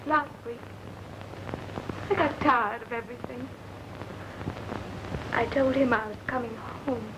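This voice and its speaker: A woman's voice: fairly high pitch, takes it slowly. A woman acting in an early talkie film as a weary, proud stage actress, with a theatrical, earnest delivery. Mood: proudly defensive. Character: weary, proud stage actress leaving her lover for marriage. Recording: noisy, hissy early sound film.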